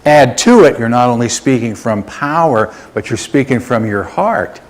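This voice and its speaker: A man preaching a sermon as a minister in a church sanctuary, animated and leading the congregation in call and response. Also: mid-range voice, normal speed.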